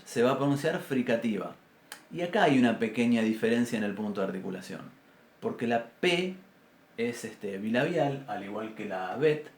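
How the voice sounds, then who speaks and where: A man teaching a Biblical Hebrew class with an Argentine Spanish accent, explaining patiently and sounding out letters aloud, often clearing his throat. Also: mid-range voice, echoey room. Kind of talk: university class lecture. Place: classroom with a blackboard.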